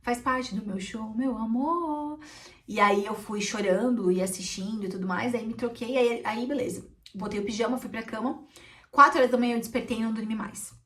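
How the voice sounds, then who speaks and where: A woman from with a fairly high voice, sharing a personal story as a therapist. She talks in a heartfelt, emotional, confessional way and keeps checking in with her listeners. Her voice sits a little far from the microphone. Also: steady tone, a little fast, fairly bright tone. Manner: heartfelt and emotional, frequent "né" tags.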